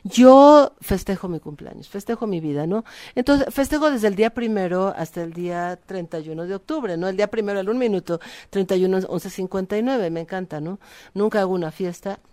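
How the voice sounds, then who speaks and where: A chatty woman talks as a radio guest, often tagging her sentences with little questions. Her voice is mellow and dark in tone, recorded close and dry with no room sound. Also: medium pitch, a little fast, dry recording. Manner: chatty, many fillers and tag questions. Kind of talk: casual chat.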